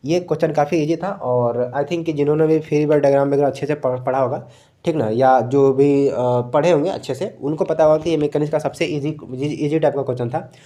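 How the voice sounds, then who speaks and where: A man's voice: a little high, brisk. A young man, casually going over exam questions as a coaching teacher and often repeating a filler phrase. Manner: relaxed, repeats "thik hai" often, mixes in English words. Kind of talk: casual explanatory lecture.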